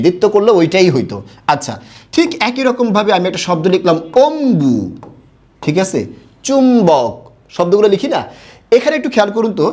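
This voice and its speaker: Higher-voiced man teaching grammar. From Bangladesh. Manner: explains step by step, asks and answers his own questions. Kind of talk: online lesson.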